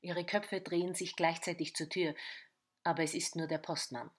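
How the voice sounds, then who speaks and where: Lower-voiced woman reading a crime story. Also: fairly even intonation, normal speed. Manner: reads dialogue in varied voices, some whispered. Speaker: narrator. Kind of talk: storybook narration with voiced dialogue.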